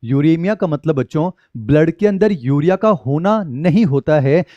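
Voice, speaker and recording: An Indian man delivers an exam-prep biology lecture in a mellow, slightly high voice. He keeps calling his students children as he blends Hindi and English terms. The sound is dry and close, with no room echo. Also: expressive, moderate pace, highs cut off. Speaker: biology teacher.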